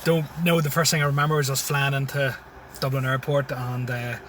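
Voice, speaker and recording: A man in his thirties, from Syria but raised in Tyrone and speaking with a Tyrone accent, chats as a comedian guest in a casual interview inside a parked car. His medium-pitched voice is a bit bright, fairly quick, with little pitch movement. He is laid-back and chuckles often, recorded on a phone from a distance with slight background noise.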